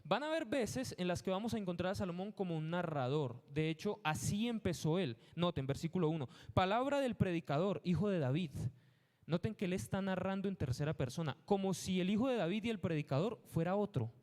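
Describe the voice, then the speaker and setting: A man preaching a Bible lesson, animated and rhetorical, acting out quoted speech. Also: high voice, quick pace, few pauses, in a large hall. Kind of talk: sermon.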